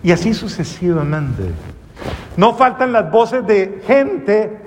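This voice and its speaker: A man's voice: sits high, expressive, slow pace, long reverb tail, a little hiss or hum. A man preaching a sermon, telling the story dramatically and acting out the voices in it. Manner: dramatic storytelling with acted-out quotes and big swings in loudness.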